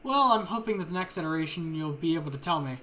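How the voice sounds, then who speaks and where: A man voicing a cold, condescending woman scientist who experiments on people, speaking slowly and deliberately. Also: on the high side, a little hiss or hum. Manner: calm, condescending, slow and deliberate.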